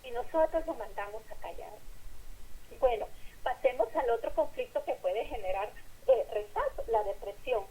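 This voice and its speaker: A woman gives an earnest lecture in the manner of a sermon, her fairly high, mellow voice also husky. She keeps to short, measured phrases and performs the lines she quotes. Recording quality is lo-fi and somewhat phone-like.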